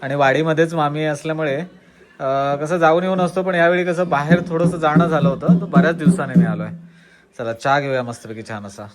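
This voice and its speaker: A man's voice: a little high, steady tone, brisk. Chatty village vlogger man. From Konkan, Maharashtra. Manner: chatty, addresses viewers as a group, asks them to comment. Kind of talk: casual vlog narration.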